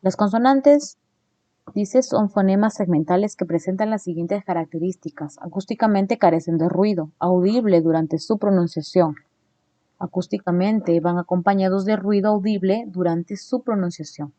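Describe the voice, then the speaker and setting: A woman teaching a recorded phonetics lesson. She walks through her slides, often checks in with her listeners with a quick "¿no?", and says sample sounds slowly and deliberately. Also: medium pitch, dark tone, no echo.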